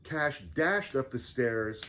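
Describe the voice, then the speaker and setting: A man reading a children's storybook aloud as fireside storytelling, theatrical and deliberate, with casual asides. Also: medium pitch, animated, a bit bright, slight background noise. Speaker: storybook reader.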